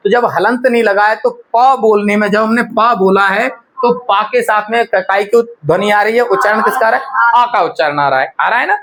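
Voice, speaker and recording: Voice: medium pitch, fairly bright tone. A teacher explaining a lesson step by step and checking often that the class follows.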